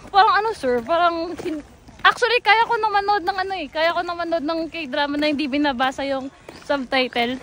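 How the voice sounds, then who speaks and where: A woman's voice: very high voice, a little fast, a bit bright, slight background noise. A young woman from the Philippines, an employee on a company trip, chatting casually and protesting sheepishly outdoors at a tourist site. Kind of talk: casual chat.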